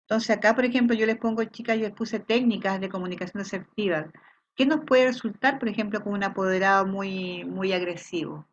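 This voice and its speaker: A woman's voice: medium pitch, steady tone, brisk, muffled recording, slight background noise. A woman with a Chilean accent teaching an online class, explaining patiently and checking in with frequent questions. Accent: Chilean Spanish. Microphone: video call.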